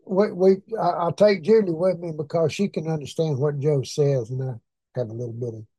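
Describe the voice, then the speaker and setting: A man's voice: fairly high pitch, fairly even intonation, normal speed, warm tone, husky, no room sound. A man with an Arkansas accent from the American South, speaking as a preacher in a folksy, drawling, informal way to his congregation. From Arkansas, southern United States. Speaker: preacher leading a prayer meeting.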